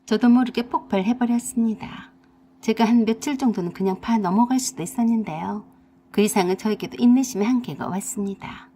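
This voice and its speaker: A woman's voice: fairly high pitch, mellow, slight background noise. A woman narrating her own family conflict in a radio drama with an emphatic, indignant manner. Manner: emphatic, indignant first-person telling.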